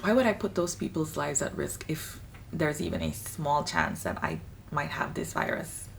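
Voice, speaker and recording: A woman's voice: deep voice, huge pitch swings, normal speed, vocal fry, recorded from a distance, slight background noise. A woman, talking candidly and emphatically to camera at home. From Saint Vincent and the Grenadines. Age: late 20s. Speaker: vlogger. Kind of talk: casual talk to camera. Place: home in Hong Kong, bathroom.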